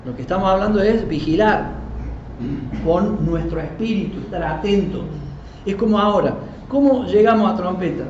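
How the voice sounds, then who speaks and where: A high-voiced male pastor teaches in a lively, conversational way and slips into the voices of the people he quotes. The recording is dull, with a roomy echo and a faint hiss. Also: moderate pace. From Argentina. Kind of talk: live Bible teaching.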